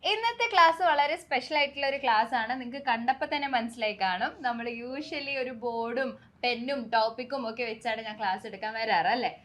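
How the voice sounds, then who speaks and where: A young woman from Kerala hosting a bilingual language lesson, teaching English pronunciation and repeating words slowly and carefully to model them. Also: on the high side, fairly bright tone.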